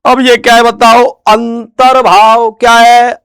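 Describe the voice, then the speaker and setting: Man, grammar lesson, high voice, smooth and resonant, quizzes then answers himself quietly. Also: expressive. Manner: asks questions then answers them himself in a lower, quieter voice; drawls words out slowly to stress them. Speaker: Hindi grammar teacher. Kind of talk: classroom lecture with call-and-response.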